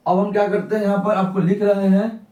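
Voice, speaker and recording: A young man's high, warm voice comes across brisk and flat as he teaches physics, constantly asking and answering his own questions. The lo-fi recording is echoey, with the mic at a distance.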